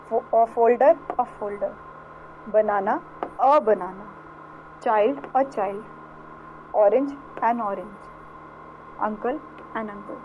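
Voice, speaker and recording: A woman's voice: fairly high pitch, slight background noise. A woman teacher with an Indian accent giving a grammar lecture, patiently repeating words and quizzing her students. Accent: Indian English. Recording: dull lo-fi audio.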